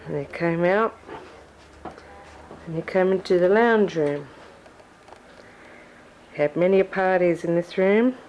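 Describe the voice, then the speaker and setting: A woman's voice: fairly low pitch, slow, pauses often, a little mellow, dull audio, slight background noise. An Australian woman giving a chatty, reminiscing tour of her family home on a home video. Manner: reminiscing, chatty narration while walking. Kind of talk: casual home-video walkthrough. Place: family house and backyard. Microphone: camcorder microphone.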